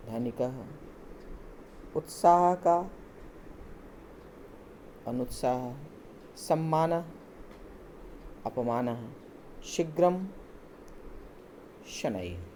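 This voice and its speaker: Slow, mellow-voiced male teacher. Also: fairly high pitch, lively intonation, a little hiss or hum. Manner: patient, step-by-step explaining, with hesitant pauses. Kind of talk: recorded class lesson explaining textbook exercises.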